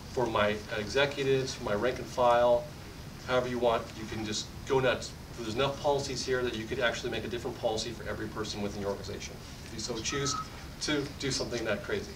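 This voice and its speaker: A man in his thirties giving a fast, enthusiastic product demo at a meetup podium, often restarting his sentences. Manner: fast, enthusiastic sales pitch with frequent restarts. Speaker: tech company presenter. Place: meetup conference room. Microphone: podium mic from far camera. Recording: distant roomy audio with rumble.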